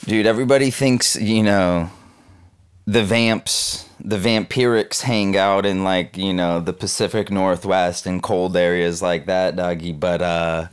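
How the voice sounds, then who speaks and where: Young man from Southern California, slangy cynical vlogger, lower pitch. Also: steady tone, measured pace, smooth. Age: 20s. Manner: laid-back, slangy, cynical, full of fillers. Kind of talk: casual rambling monologue.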